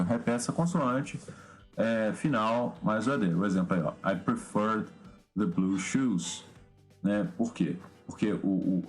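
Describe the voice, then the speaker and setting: Brief: Brazilian man, deep-ish voice, teacher explaining grammar loosely, lots of "né?", soft music under. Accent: Brazilian Portuguese. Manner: loose, repeats words, often adds "né?". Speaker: English teacher. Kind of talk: recorded lesson explaining grammar.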